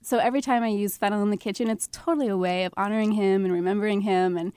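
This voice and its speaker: A woman's voice: medium pitch, very fast, warm tone, clean tone, no echo. A woman with a New York accent, co-hosting a call-in show as a spice expert, talking enthusiastically and laughing often. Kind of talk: radio talk show.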